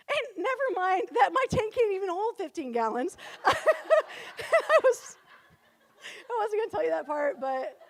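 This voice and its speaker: A young woman in her twenties speaking at a retreat, telling a humorous personal story in a chatty way, full of "like" and frequent laughter. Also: very high voice.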